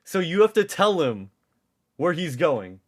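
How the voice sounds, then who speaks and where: A man's voice: fairly high pitch, sing-song, unhurried. A man livestreaming from home, telling a rambling story with lots of swearing and self-mocking jokes. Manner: rambling, profane, self-mocking, with frequent restarts.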